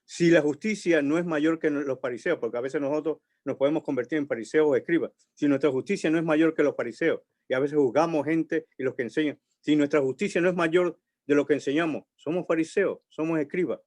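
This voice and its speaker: Church pastor guy preaching slow and emphatic, voice a bit on the high side. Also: a little mellow. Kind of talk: sermon.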